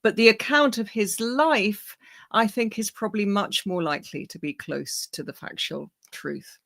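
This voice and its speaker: A woman gives a philosophy lecture in a croaky voice, still getting over an illness. Her delivery is lively and wry, full of fillers, at medium pitch and a moderate pace.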